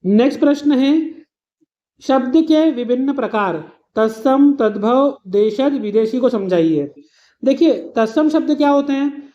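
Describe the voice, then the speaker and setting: Woman, teacher, exam revision lesson, patient explanations, everyday examples, mellow tone. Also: high voice, lively intonation, unhurried, muffled recording. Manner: explains patiently with simple everyday examples, addresses students as "beta".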